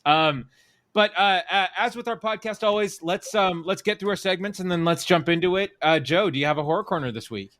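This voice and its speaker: A man's voice: sits high, a little fast, a bit bright. A man hosting a podcast, asking the questions with a lot of hesitant fillers. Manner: hesitant, many filler sounds, leads the questions. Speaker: podcast host. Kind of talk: casual podcast interview.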